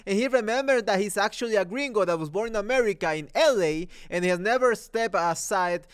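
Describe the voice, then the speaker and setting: A man's voice: sits high, a bit bright, clean tone, no room sound, clean studio sound. A man from Mexico with a Mexican accent, hosting an exasperated comedic movie rant with laughter. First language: Spanish. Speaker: comedy commentary host.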